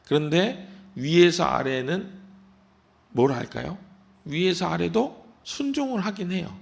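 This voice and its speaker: Gravelly-voiced male pastor. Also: a little high, fairly bright tone. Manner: conversational, acts out parents' scolding lines. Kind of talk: early-morning sermon.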